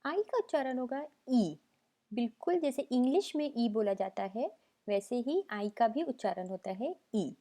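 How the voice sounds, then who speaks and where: Slow, patient woman teaching French sounds. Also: on the high side, animated, dark tone. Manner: patient, repeats each sound twice. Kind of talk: slow language lesson narration.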